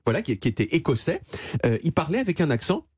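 A man's voice: fairly high pitch, big pitch swings, quick pace, a little mellow, breathy edge. A man presenting a playful, explanatory radio chronicle in a chatty manner, often restarting his words, speaking into a studio microphone. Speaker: radio columnist.

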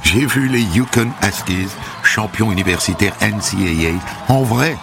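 A man's voice: lowish voice, measured pace, gravelly, over music. A young man with a Paris banlieue accent telling a wry first-person story. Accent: Paris banlieue French. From Paris suburbs, France. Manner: lively, wry, animated.

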